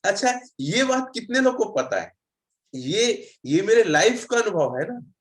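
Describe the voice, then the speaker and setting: A man, pitched a little high, leads a relaxed online road safety session. He rambles through personal stories and reads out viewer comments as he goes. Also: measured pace. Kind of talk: casual online session talk.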